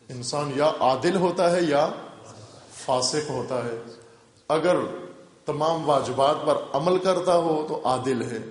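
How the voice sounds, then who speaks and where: A male Islamic scholar giving a religious lecture with a Pakistani Urdu accent, explaining step by step and repeating key terms for emphasis. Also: on the high side. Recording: echoey hall reverb.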